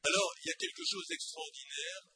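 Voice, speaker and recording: A man's voice: extremely high pitch, huge pitch swings, a little fast, pushed and bright. A man preaching a sermon, impassioned and full of rhetorical questions.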